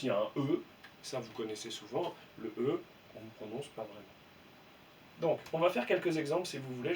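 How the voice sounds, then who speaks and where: A man teaching a young class to read, slowly and patiently spelling out letters and sounds. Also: fairly high pitch. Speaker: primary school teacher. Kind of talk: reading lesson for young children. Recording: voice from some distance, faint room noise.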